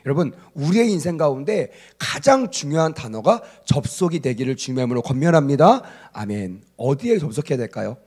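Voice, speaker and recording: A man's voice: on the high side, big pitch swings, fairly quick, hardly any pauses, darkish tone, slightly rough. A male pastor preaching a sermon to a young adult congregation, telling a story and acting out its characters with emphasis. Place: church service.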